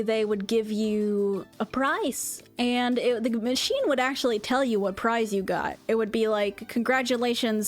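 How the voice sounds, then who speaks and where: Chatty higher-voiced woman streamer. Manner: chatty, rambling, lots of "like" and restarts. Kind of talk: casual chat recounting a convention.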